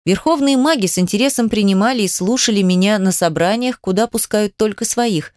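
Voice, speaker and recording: A woman reading the part of an adult male mage teacher, calm and instructive, a little condescending. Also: medium pitch, a little fast, dry recording, clean studio sound, close to an everyday voice.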